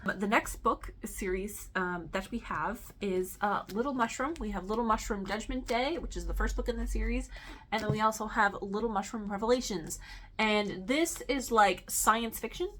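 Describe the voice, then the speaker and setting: A woman's voice: medium pitch, normal speed, fairly bright tone, slight background noise. A woman, a teacher, chatting casually and enthusiastically about books she loves, with lots of ums and some swearing. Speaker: book vlogger. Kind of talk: casual book review chat.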